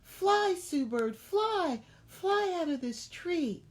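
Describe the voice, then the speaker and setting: A woman's voice: sing-song, measured pace, warm tone. A woman voicing a worried, protective mother bird in a children's story, coaxing and urgent. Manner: urgent and coaxing, rising to shrill cries.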